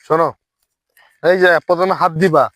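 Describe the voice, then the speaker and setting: A man's voice: on the high side, steady tone, moderate pace, fairly bright tone, dry recording. Bossy scolding man as teacher. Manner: scolding, bossy, threatens punishment. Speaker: dance teacher in a skit. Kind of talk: comedy skit.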